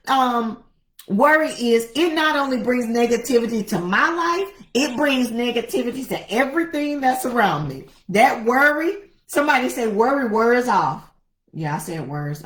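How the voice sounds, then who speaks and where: A woman pastor preaches a casual devotional sermon with a lively, swinging pitch. She hammers home short refrains and talks straight to her viewers. Her voice rings in an echoey room.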